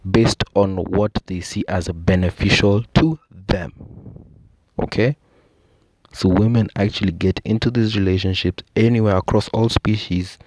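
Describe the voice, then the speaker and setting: A young Kenyan man with a deep, low voice talks through ideas in a relaxed, explanatory monologue. He keeps dropping in "you know" and "I think" as he goes. The sound is close and dry. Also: no echo. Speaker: podcast host. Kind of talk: casual monologue.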